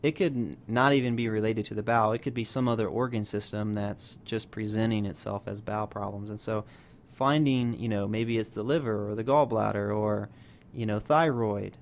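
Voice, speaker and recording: Low-voiced man explaining with faint hum. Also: steady tone, normal speed, vocal fry. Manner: explanatory, many fillers and restarts. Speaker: health practitioner guest. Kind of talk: radio interview.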